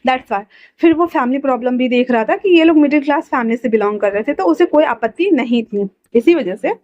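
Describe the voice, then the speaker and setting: A woman's voice: high voice, a little mellow, no room sound. A woman narrating a fan story casually, chatty, with fillers and self-corrections, on a dull lo-fi recording.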